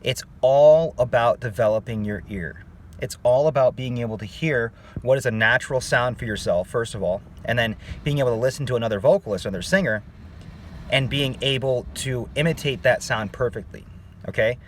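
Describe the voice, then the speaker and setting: A man with a mid-range voice gives a brisk, casual online singing lesson, with slight background noise. He speaks straight to viewers, calls them "guys," and keeps checking in with "okay?"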